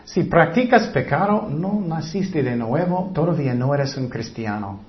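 A man preaching a sermon in an expressive way, acting out voices in his stories, with slightly non-native phrasing. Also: a little high, unhurried. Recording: dull lo-fi sound.

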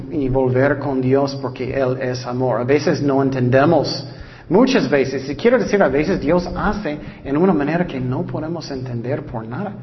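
Female preacher, earnest and steady, reads verses slowly; muffled, lo-fi sound. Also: low-pitched. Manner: earnest, slows down to read scripture verses. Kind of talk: sermon.

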